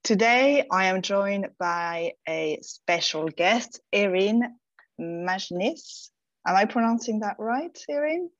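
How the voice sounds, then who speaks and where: A woman's voice: medium pitch, lively intonation, a little slow, hardly any pauses, dry recording, dull audio. A woman hosting a podcast, bubbly and chatty, with a video-call sound. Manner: bubbly, chatty, laughs easily. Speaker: podcast host.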